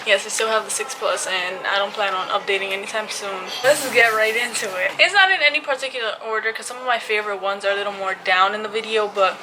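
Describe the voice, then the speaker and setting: A young woman chats eagerly to her viewers, peppering her talk with fillers. She sounds a little out of breath, and a steady hiss of background noise sits under her voice. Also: mid-range voice. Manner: chatty, enthusiastic, says freaking and like a lot. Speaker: YouTuber. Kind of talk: casual vlog chat.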